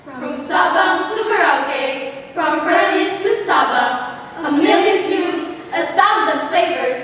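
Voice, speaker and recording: Casting: teenage female choral speaking group, reciting in unison, very high and slow, declamatory delivery. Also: animated, fairly bright tone. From Indonesia. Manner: theatrical, declamatory, emphatic. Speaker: school choral speaking team performers. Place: large echoey hall, recorded from far off. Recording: echoey hall, distant mic, background noise.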